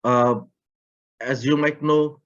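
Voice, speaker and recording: A man from Pakistan, giving a prepared talk on a video call about a community project, in measured, slightly English. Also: mid-range voice, fairly even intonation, fairly bright tone. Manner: measured, slightly non-native grammar. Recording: muffled online call audio.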